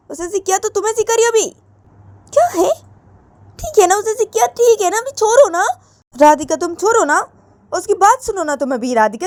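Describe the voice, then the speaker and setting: A woman's voice: very high-pitched, no room sound, voice pushed up. A woman voicing a middle-aged mother who lectures her daughter, drawing out her advice and pleading with repeated tags. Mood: coaxing. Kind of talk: amateur storytelling with acted voices.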